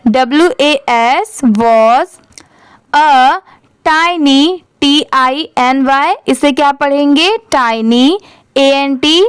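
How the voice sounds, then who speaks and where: Woman, English reading teacher, high voice, slow letter-by-letter spelling. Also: dry recording. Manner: spells words letter by letter, then says them slowly; asks learners questions and answers them herself.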